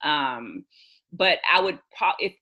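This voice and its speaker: American woman guest, lowish crisp voice, musing and rambling. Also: big pitch swings, takes it slowly, pushed and bright, muffled recording. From Houston, USA. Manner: reflective, rambling with frequent "you know" and "it's like". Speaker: novelist guest. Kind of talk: casual interview chat.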